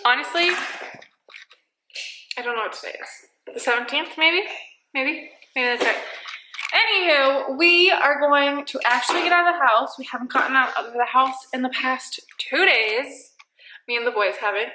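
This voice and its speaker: A woman's voice: sits high, normal speed, roomy sound, noisy background. A young woman and mother chatting casually to camera at home by a window, rambling with lots of ums and side remarks. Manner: chatty and scattered, many ums and trailing asides. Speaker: vlogger, mother of two.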